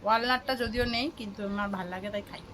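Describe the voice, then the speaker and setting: A mother who vlogs gives her viewers a racing, chatty running commentary while shopping at an outdoor market and then doing chores at home, filming on a handheld phone. Her medium-pitched voice keeps a fairly even intonation. The phone recording is noisy.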